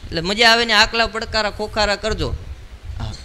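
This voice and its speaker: A man's voice: high voice, bright, forceful tone, a little hiss or hum. A man doing stand-up comedy on a stage mic, telling punchy jokes and checking in with the crowd. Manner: punchy joke telling, quick call-and-response to the crowd. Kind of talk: live stand-up comedy show. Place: live show in a large hall. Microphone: stage microphone. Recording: live hall recording with long reverb.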